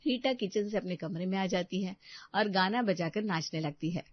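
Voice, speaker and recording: A woman's voice: mid-range voice, normal speed, dry recording. Storybook narrator: a woman telling it evenly, close dry mic. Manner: even storytelling. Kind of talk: scripted narration. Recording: dull dry lo-fi recording.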